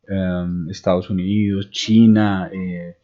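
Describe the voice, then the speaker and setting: A man's voice: low voice, fairly even intonation, takes it slowly. A middle-aged man giving an online lecture, explaining with homely examples and many "eh" fillers. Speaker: university lecturer. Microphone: online video call. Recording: dull lo-fi call audio.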